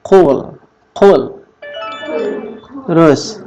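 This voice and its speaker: Slow, patient man teaching a class. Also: fairly high pitch, mellow, lo-fi sound, faint music behind. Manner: slow, drills class with repeated questions. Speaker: Quran Arabic teacher. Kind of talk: classroom lesson.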